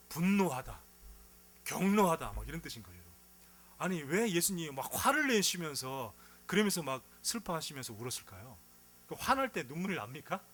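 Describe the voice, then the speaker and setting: A male pastor preaching a sermon, telling stories with feeling and asking the congregation rhetorical questions. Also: on the high side. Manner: animated storytelling with rhetorical questions.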